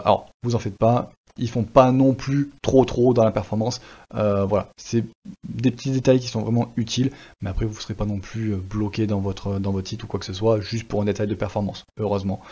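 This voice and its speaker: Relaxed French man walking through a tutorial. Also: lowish voice, brisk, husky. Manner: relaxed, chatty, many fillers and restarts. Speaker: WordPress tutorial presenter. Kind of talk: casual screen-recorded tutorial. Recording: slightly dull lo-fi sound.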